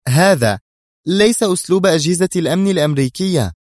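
A man's voice: high-pitched, normal speed, a little mellow, dry recording, clean studio sound, voice pushed up, natural voice. A man doing a firm young woman. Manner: firm, tense. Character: resolute young woman investigator.

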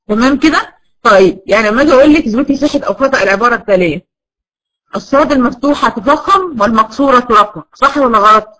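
A woman's voice: a little high, fairly bright tone, poor audio. A woman with an Egyptian accent teaching a class of girls, posing questions and answering them herself while drilling each point again and again. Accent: Egyptian Arabic. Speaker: Quran recitation teacher.

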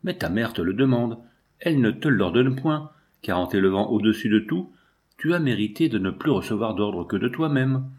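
A tender mother in a classic novel pleads with her daughter, distressed and gentle, as a man reads her in his own lowish voice. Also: expressive, moderate pace, close to an everyday voice. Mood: anguished.

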